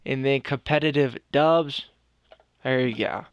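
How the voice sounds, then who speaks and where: A man's voice: medium pitch, unhurried, clean tone, dry recording, clean studio sound. A young man giving casual, rambling commentary on a video game as a gaming YouTuber, a little out of breath and often restarting his sentences. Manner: rambling, with frequent restarts and self-corrections.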